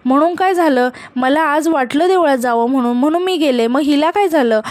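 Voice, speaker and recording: A woman voicing a quarrelsome young woman from a family serial, answering in sharp, indignant retorts. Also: sits high, a little fast, no echo, close to an everyday voice. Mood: angry.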